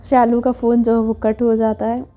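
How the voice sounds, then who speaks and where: A woman's voice: fairly high pitch, level tone, normal speed, mellow. A woman storyteller narrating a serialized story in a chatty, intimate way. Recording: dull lo-fi with faint music.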